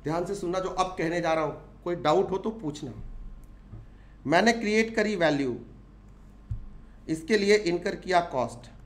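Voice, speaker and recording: A man's voice: high-pitched, normal speed, pauses often, echoey room. A male teacher with an Indian English accent, giving a classroom lecture, asking the students questions and repeating the key points.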